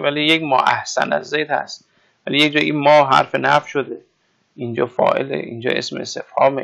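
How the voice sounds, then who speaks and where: Gravelly male teacher explaining grammar. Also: mid-range voice, fairly bright tone, highs cut off. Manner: explains with everyday examples, often checks "right?". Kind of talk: informal classroom lecture.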